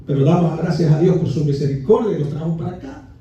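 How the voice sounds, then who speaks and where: A high-voiced pastor preaches with fervor, his tone dark and mellow, and he keeps calling out to his brothers in the pews. The sound is very echoey, picked up from well back in a church sanctuary. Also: quick pace, far from the mic, muffled recording. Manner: fervent preaching, often calling listeners brother. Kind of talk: Pentecostal sermon.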